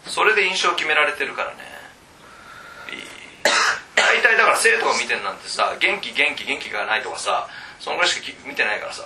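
Talk like a man coaching new tutors, bright and lively, quizzing the room, loud then suddenly hushed. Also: a little high, quick pace, a little hiss or hum. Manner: chatty, keeps asking the room questions; swings between loud and hushed. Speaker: teacher trainer. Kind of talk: lecture to tutors. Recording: roomy echo.

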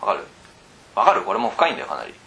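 A man coaching cram school teachers in a casual lecture, teasing them bluntly and often pausing to ask whether they follow. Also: on the high side, wildly swooping pitch, vocal fry, bright, forceful tone, slight background noise. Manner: keeps checking in with rhetorical asides.

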